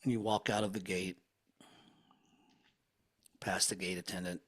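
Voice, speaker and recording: A man leading a guided hypnosis session in a slow, soothing, hushed manner. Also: low voice, little pitch movement.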